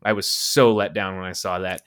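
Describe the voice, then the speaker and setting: Man, low voice, casual podcast rant, profane, incredulous laughter. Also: steady tone, a little fast, fairly bright tone, clean tone. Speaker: podcast co-host. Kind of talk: casual movie chat.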